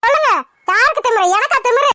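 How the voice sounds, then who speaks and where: A woman's voice: very high-pitched, fast, fairly bright tone. A woman voicing a proud, stubborn young wife in a cartoon, sulking and scolding her husband indignantly. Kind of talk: cartoon voice acting.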